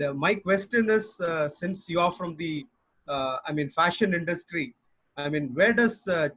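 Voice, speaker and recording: Male questioner, crisp forward tone, dry sound, halting and roundabout phrasing. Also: a little high, pushed and bright, no room sound. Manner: hesitant, roundabout. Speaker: audience questioner.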